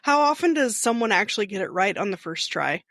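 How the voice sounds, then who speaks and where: A woman's voice: medium pitch, very animated, brisk, a bit bright, no room sound, clean studio sound. A woman hosting a podcast, introducing her guest and asking questions in a friendly way, giggling often. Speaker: podcast host. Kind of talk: podcast interviewing.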